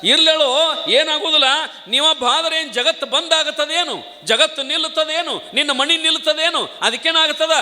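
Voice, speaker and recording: A man's voice: very high-pitched, moderate pace, bright, forceful tone, long reverb tail, pitched above the performer's own voice, heavily acted. A man voicing a scheming older male guru who brushes off a disciple's worries. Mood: dismissive.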